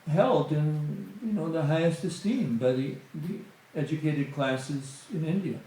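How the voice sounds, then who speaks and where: The guest speaker at this temple satsang is a middle-aged man whose conversational spiritual talk is full of "you know" asides. He speaks at a measured pace in a rather high voice with a dark tone, recorded in a very echoey hall.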